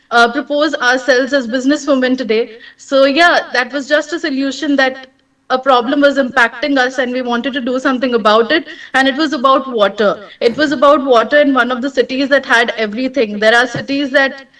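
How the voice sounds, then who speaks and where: A young Indian woman co-founder speaking earnestly over a remote link. Her voice sits high and sounds distant from the mic. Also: fairly bright tone. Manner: earnest, heartfelt. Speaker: startup co-founder. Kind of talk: remote presentation.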